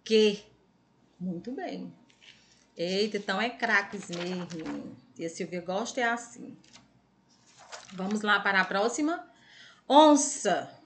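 A Brazilian woman teacher talks at an unhurried pace in a bright, clear voice. She walks young children through a lesson from her computer at home, stretching words into syllables and encouraging them with affection. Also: mid-range voice. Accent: Brazilian Portuguese. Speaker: primary school teacher. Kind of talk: recorded online class for young children.

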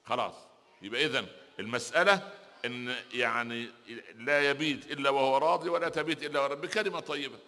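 A middle-aged Egyptian man preaching, his voice bright and forceful as he rushes through a lively lecture. He keeps tossing rhetorical questions to the crowd. His words ring out with a long reverb from the hall. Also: mid-range voice. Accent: Egyptian Arabic. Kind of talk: religious lecture with humorous anecdotes.

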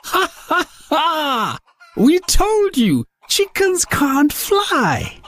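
A woman's voice: a little high, huge pitch swings, normal speed, warm tone, a little hiss or hum, pitched above the performer's own voice. A woman voicing a flock of teasing farm chickens in a mocking, sing-song way.

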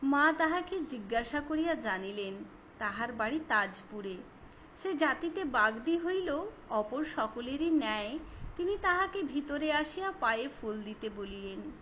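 A woman reading a biography aloud in a measured, formal literary manner. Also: high-pitched, lively intonation, a bit bright. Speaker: reader. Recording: slightly dull recording with faint hiss.

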